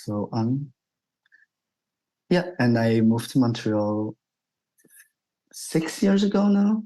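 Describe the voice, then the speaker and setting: A man's voice: medium pitch, very animated, slow, mellow, poor audio. A man in his twenties from Quebec, chatting as a radio guest in a hesitant way, with many fillers. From Quebec, Canada. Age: 20s. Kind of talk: casual radio interview.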